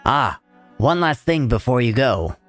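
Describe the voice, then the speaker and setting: A man's voice: lively intonation, measured pace, fairly bright tone, faint music behind. A man voicing a proud older male scholar who speaks in a lofty, old-fashioned way. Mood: earnest. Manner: lofty, old-fashioned speech, raised pitch.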